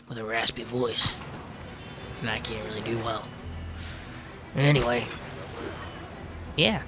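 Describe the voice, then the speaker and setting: A man talking through his gameplay in a loose, offhand way, swearing freely as he chats. Loud game music plays beneath his voice. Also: medium pitch. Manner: profane, offhand, chatty. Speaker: let's play host. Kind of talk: casual gameplay commentary.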